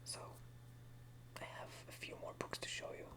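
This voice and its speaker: A man who is a native Hebrew speaker whispers a casual, hesitant, unhurried ASMR chat in English. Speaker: ASMR video maker. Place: quiet room at home at night.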